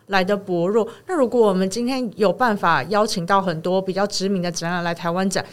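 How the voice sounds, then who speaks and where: Fast-talking woman telling a story. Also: medium pitch. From Taiwan. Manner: animated retelling, acts out quoted dialogue. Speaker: podcast co-host. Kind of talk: casual chat, storytelling.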